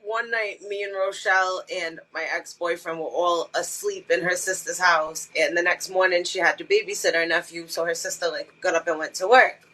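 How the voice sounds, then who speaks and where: Young new england woman cohosting, bright voice, cracks up a lot, swears casual. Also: on the low side, fairly even intonation, moderate pace, few pauses, low-quality recording. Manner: laughs often, swears freely. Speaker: podcast co-host. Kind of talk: casual chat on a livestream.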